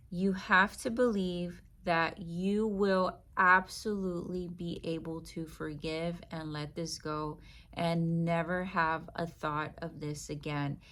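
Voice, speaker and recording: Slow, earnest woman giving faith encouragement. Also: on the low side, fairly bright tone. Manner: earnest, emphatic, with dramatic pauses. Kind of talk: spoken devotional encouragement.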